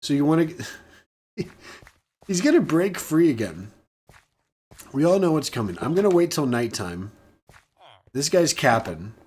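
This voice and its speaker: A man's voice: on the high side, sing-song, unhurried, long pauses, a little mellow, slightly rough. A man hosting a gaming channel, giving casual, goofy gameplay commentary as he plays. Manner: chatty, goofy and self-mocking.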